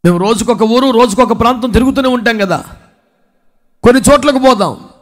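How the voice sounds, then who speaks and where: Man, pastor, sermon, very high-pitched voice, rhetorical questions, scolding tone. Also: a little fast.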